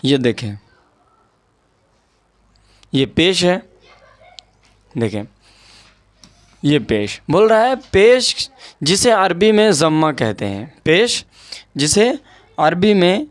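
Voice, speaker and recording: A man teaching Urdu grammar. His voice sits a little higher than most men's, and he goes over each point patiently, repeating key words and checking in with the listener. The recording is dry and close, with no room sound. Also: big pitch swings, long pauses, no echo. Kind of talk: explaining a lesson over an on-screen document.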